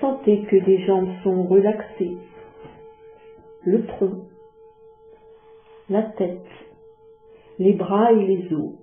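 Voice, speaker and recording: In a guided yoga relaxation, a woman with a mid-range voice gives calm, measured instructions separated by long pauses. The recording sounds muffled and phone-like, with echo and music in the background.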